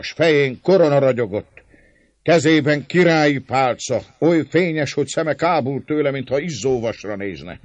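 A man voicing a boisterous, drunk old male warrior who proclaims loudly with slurred words, in an audiobook reading. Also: on the high side, dry recording, lo-fi sound, voice pushed up, natural voice.

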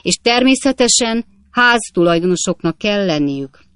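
A woman voicing a pompous, irritable male magistrate who talks loud and sharp in a storybook reading. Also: mid-range voice, animated, clean tone, no room sound, voice pushed up, close to an everyday voice. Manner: loud, sharp and self-important.

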